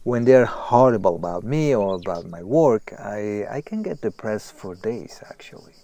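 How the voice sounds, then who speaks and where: A naturalistic audio drama features an actor as a renowned male writer, agitated, self-deprecating and work-obsessed, who halts and repeats himself. His fairly low voice is expressive, creaky and dark, the mood modest and musing.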